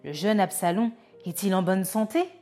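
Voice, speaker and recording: A woman's voice: medium pitch, moderate pace, mellow, soft background music, lightly acted. A woman voicing a grieving old king who cries out in anguish for his son. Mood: commanding. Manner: anguished, raised voice.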